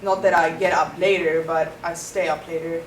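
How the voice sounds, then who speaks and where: Her voice is lowish and her delivery flat as this young woman from South Africa, a first-language Afrikaans speaker, responds to an interview at a moderate pace. She's thoughtful and says um often. Noise and echo fill the recording, which was made far from the mic in a reverberant room.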